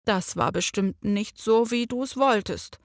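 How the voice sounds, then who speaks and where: A woman voicing a calm, gentle fox father who speaks softly in a children's story. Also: a little high, a little slow, dry recording, clean studio sound, lightly acted. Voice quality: soft and quiet.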